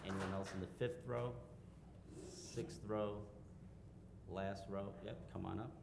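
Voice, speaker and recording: A man chairing a village public hearing as mayor, relaxed and joking with the speakers. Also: sits low, measured pace, vocal fry. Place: village hall meeting room. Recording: echoey council chamber mic with noise.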